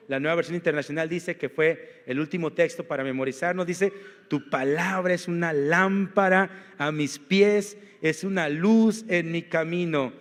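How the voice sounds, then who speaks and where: A man's voice: high voice, in a large hall. A male pastor preaching a sermon, walking his congregation through numbered points and rhetorical questions. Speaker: senior pastor. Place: church.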